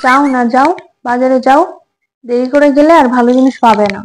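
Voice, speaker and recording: A woman acting a nervous young wife in a comic home drama who keeps soothing her hot-tempered husband. Her voice sits high, coaxing and apologetic. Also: steady tone, fairly quick, close to an everyday voice, poor audio. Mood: placating. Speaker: short-drama actress.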